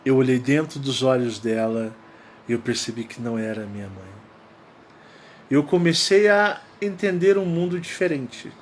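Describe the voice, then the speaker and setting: A man's voice: medium pitch, lively intonation, moderate pace, slight background noise. A man with a Brazilian Portuguese accent, hosting his channel and telling a personal story in casual style, emphatic and prone to repeating key phrases. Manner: acts out quoted dialogue. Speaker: channel host.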